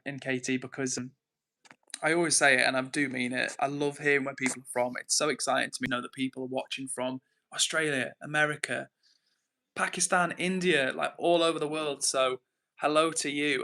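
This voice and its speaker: A man from England with an English accent hosts a casual livestream, reading out comments and rambling informally as he thinks aloud. His voice sits at a medium pitch and stays steady, with a brisk, sharp tone.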